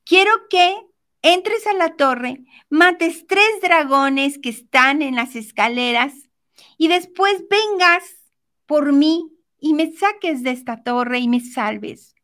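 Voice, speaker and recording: A woman's voice: high voice, expressive, takes it slowly, heavily acted. A woman voicing a young princess stuck in a tower, calling out insistently in a storytelling talk. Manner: shouting, insistent.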